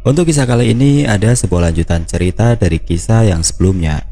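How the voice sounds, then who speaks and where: Low-voiced male storyteller over soft music. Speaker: storyteller host. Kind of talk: scripted story narration.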